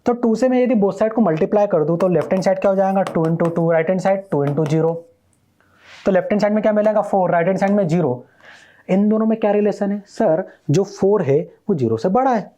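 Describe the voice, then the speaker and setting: A man's voice: sits high, quick pace, mellow, slight background noise. A male math teacher giving a recorded online lesson, explaining step by step and quizzing his students as he goes.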